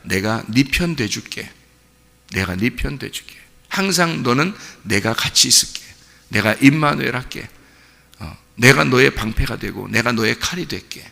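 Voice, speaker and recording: A man voicing God in a sermon as a tender, reassuring male voice that gently makes promises. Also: on the high side, expressive, moderate pace, vocal fry, hardly any pauses, exaggerated voice.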